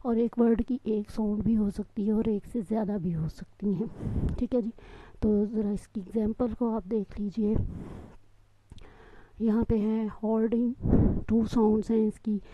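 A woman's voice: medium pitch, fairly even intonation, measured pace. A woman teacher explaining an English exercise patiently, often checking in with the class. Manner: explains patiently, mixing Hindustani and English, checks with "theek hai ji". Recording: dull lo-fi recording.

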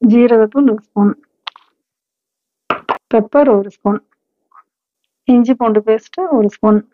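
A woman hosting a home cooking channel, calmly walking through each step and ingredient. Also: a little high, takes it slowly, phone-quality sound, a little hiss or hum. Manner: calm, instructive, listing ingredients steadily. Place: home kitchen.

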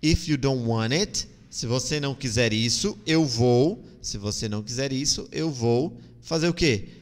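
A man's voice: medium pitch, measured pace, big-room sound. A Brazilian man teaching English in a live online lesson, patiently repeating phrases and drilling pronunciation with a Brazilian Portuguese accent.

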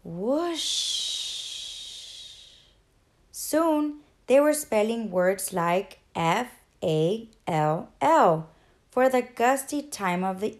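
Slow, high-voiced woman reading a storybook. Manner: expressive, gentle storytelling. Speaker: teacher reading aloud. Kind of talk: children's storybook read-aloud.

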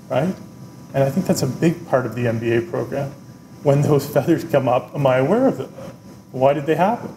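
Animated man speaking at a podium. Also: fairly high pitch. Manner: animated, conversational, often adds "right?", gestures with both hands. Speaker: business school dean giving a keynote. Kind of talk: keynote speech. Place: lecture room, at a wooden podium, indoors. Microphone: podium microphone. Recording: roomy lecture-room sound, faint background noise.

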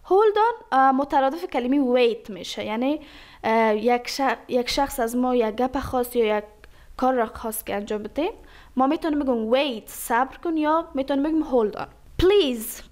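Teaching English phrases, a high-voiced woman delivers each example slowly and deliberately, followed by a brisk explanation.

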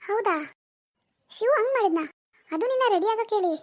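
In amateur family drama acting, a woman plays an older mother-in-law who comforts her daughter-in-law while stirring up trouble against her son. Her voice is very high, expressive, and brisk, with a concerned mood.

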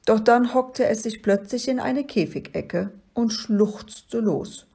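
A woman reading a children's story aloud in a calm, expressive way. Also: fairly high pitch, takes it slowly, slightly rough. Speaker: reader.

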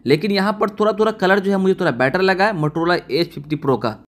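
A man with a high voice gives a casual voice-over review. He talks in a steady, explanatory way, pointing the viewer to one detail after another as he goes. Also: fairly quick. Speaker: tech reviewer.

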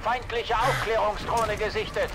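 A man's voice: high-pitched, level tone, moderate pace, noisy background, lightly acted. A man voicing a military announcer in a shooter game, giving clipped warnings. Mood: terse. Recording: game audio with gunfire.

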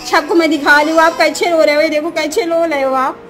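A woman's voice: high-pitched, fairly even intonation, fairly quick, a bit bright. A woman vlogging at home in a cooing, sing-song baby-talk manner, chatting to a little girl and narrating her day. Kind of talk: casual home vlog, baby talk to a niece. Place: family home indoors.

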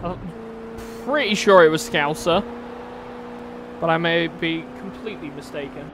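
A young British man with a fairly high voice chats through a live stream of a racing game. He talks loosely and crudely, swears and laughs at his own jokes. Car engines from the game roar loudly behind him. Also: measured pace, noisy background. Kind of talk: live-stream commentary while playing. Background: car engine sounds from the game.

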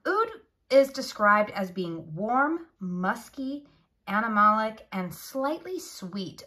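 A woman's voice: mid-range voice, fairly bright tone. Nasal-voiced woman with a head cold. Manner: chatty, friendly, with frequent fillers. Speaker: candle reviewer. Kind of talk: casual product review.

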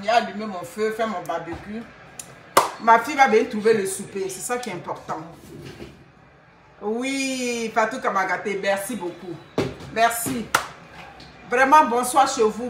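A woman's voice: medium pitch, moderate pace, recorded from a distance. Pleading woman on an echoey livestream. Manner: pleading, repetitive, talks to viewers directly. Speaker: livestream host recruiting workers. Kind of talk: casual livestream chat. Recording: echoey room, voice away from mic, faint noise.

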